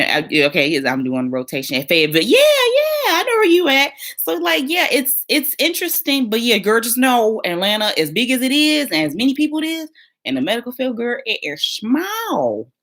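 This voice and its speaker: A woman's voice: a little high, sing-song, brisk, fairly bright tone. A young woman, chatting casually on a livestream as a new surgical tech, talking straight to her viewers and laughing often.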